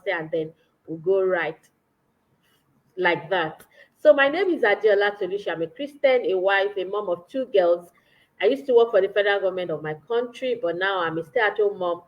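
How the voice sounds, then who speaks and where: A woman's voice: medium pitch, highs cut off. A woman from Nigeria, hosting a live online show in an upbeat, welcoming way. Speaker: host.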